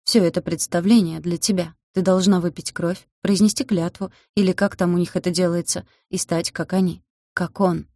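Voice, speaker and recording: A woman's voice: fairly low pitch, steady tone, moderate pace, mellow, dry recording, studio quality. A woman voicing a cold, contemptuous young man who protects a girl in a storybook. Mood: grim.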